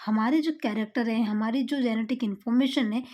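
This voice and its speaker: A woman's voice: on the high side, brisk, a little mellow. A woman teaching a biology lesson, asking the class questions and answering them herself while repeating the key terms. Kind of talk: classroom-style lecture.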